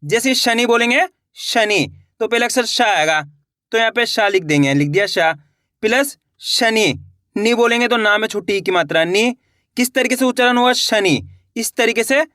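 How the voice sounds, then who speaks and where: A man's voice: high-pitched, pushed and bright, dry recording. Man, teacher, repeats words and asks questions, dry close sound. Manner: repeats words and quizzes the viewer. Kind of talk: slow spelling lesson for beginners.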